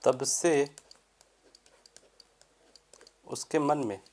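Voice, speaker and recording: A man gives an English grammar lesson in Hindi at an unhurried pace, working through each sentence step by step. He asks his own questions and then answers them. The English example sentences come out slowly and deliberately, word by word, in a mid-pitched voice. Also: darkish tone. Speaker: English teacher.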